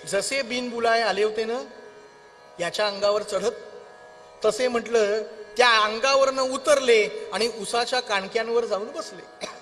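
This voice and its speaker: A man with a high, ringing voice tells a devotional story in a kirtan sermon. He acts out the characters and breaks into chanted verses. He is recorded in an auditorium with a long reverb and faint instruments underneath. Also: a bit bright. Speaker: kirtan performer. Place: large auditorium.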